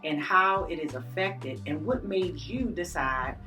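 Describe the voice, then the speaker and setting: Lively woman hosting a podcast. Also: lowish voice. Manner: animated, drawn-out greetings and playful asides. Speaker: podcast host. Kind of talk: enthusiastic podcast welcome and interview. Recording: distant mic with faint music behind.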